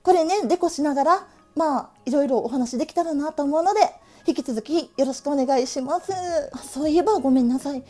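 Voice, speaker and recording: A cheerful woman in her late thirties talks to her viewers in a very high voice with a Tokushima Awa-dialect accent, laughing easily between her remarks. Her tone is soft and mellow, and light music plays faintly behind her. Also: fast talker. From Tokushima, Japan. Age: late 30s. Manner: cheerful, chatty, laughs often. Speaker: stationery vlogger. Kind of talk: casual chat to camera.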